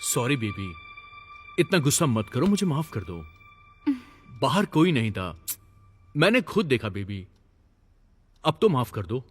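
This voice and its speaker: A mid-pitched young man's voice, carefree and coaxing. His pitch swings lively as he brushes off worries and sweet-talks. Faint music plays underneath. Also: a little fast, long reverb tail. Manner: coaxing, dismissive. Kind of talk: Hindi film dub.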